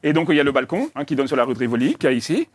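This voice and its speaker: A man's voice: mid-range voice, very animated, rapid-fire. A man giving a casual, jokey interview while showing people around an artists' building. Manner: chatty, jokey, laughs easily. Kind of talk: casual interview on a walking tour. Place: building with artist studios, indoors.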